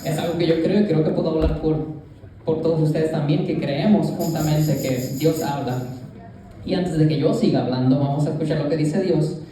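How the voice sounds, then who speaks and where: A young Puerto Rican youth leader earnestly shares his personal testimony in a church sanctuary, speaking directly to the congregation. His voice sits on the high side, warm and steady at a moderate pace, picked up from a distance in the echoey hall with slight background noise.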